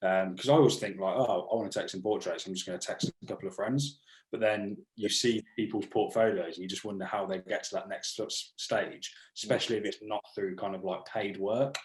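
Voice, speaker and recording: A man's voice: fairly low pitch, steady tone, a little fast. A man hosting a casual interview, asking long, eager, rambling questions and restarting often. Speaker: podcast host. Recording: roomy echo.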